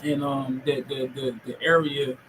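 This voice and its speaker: A man in his forties hosts a podcast in a casual interview chat, his medium-pitched voice level and unhurried. His talk rambles and is full of slang and profanity, with some background noise behind him.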